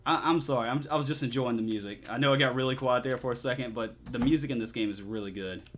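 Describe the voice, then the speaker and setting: A man with a mid-pitched voice casually narrates his own video game play. He is laid-back, often talking to himself in short bits, with music clearly playing behind him. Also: fast. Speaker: video game player and commentator. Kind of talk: casual let's play commentary.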